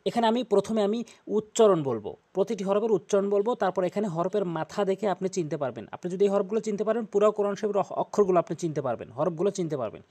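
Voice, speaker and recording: A man teaching Quran recitation, repeating each Arabic letter slowly to show how it is said. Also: high voice, animated, warm tone, breathy edge. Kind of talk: tutorial on pronouncing Arabic letters.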